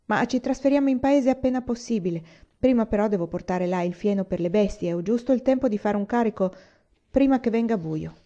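Padre pioniere preoccupato e protettivo, letto da una donna; tono serio, registrazione un po' spenta. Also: male voice, high voice, expressive, fairly quick, warm tone. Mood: reassuring. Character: worried pioneer father, steady and protective. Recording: slightly dull lo-fi recording.

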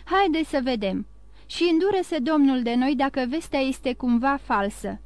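A woman's voice: high-pitched, expressive, darkish tone, dry recording. A woman reading a stunned, disbelieving old merchant. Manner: bewildered, questioning, disbelieving. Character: distraught older merchant father, stunned.

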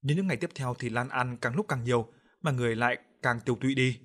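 Guy telling a creepy ghost story, steady and ominous. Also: medium pitch, fast talker. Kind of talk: scripted horror narration.

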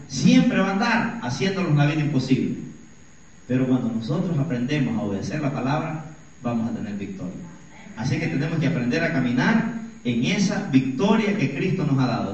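A man's voice: fairly high pitch, slight background noise. A middle-aged man, a pastor who preaches an emphatic sermon, telling stories and calling the congregation brothers. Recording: echoey church hall, distant dull mic.

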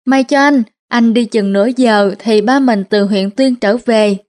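A woman narrating a storybook tale in the first person. Her voice sits a little high, and she keeps a steady, plain reading tone. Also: measured pace.

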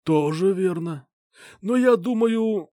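A man voicing a shrewd older male ally who speaks slowly and deliberately, in an audiobook. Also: sits high, animated, warm tone, dry recording, clean studio sound, pitched above the performer's own voice. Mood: measured.

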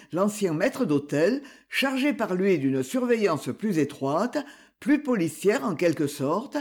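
A narrator reading a classic novel aloud as an audiobook. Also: mid-range voice. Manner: slow, expressive literary reading.

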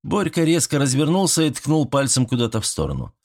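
A man reading a first-person audiobook story, with expressive storytelling and dry wit. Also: fairly high pitch, a little fast. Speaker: audiobook narrator.

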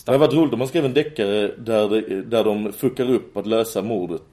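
A man with a lowish voice hosts a podcast in relaxed conversation. He puts in dry, short quips and lets the guest do most of the talking. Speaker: podcast host. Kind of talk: casual chat.

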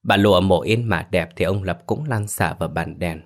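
A man with a deep, low voice narrates a scripted ghost story. His reading is steady and even, with no rush. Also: moderate pace.

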